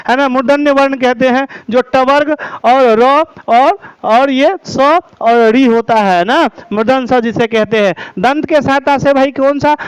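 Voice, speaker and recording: A man's voice: extremely high pitch, no room sound, highs cut off. A man teaching a grammar lesson, explaining step by step, repeating terms and checking that students follow.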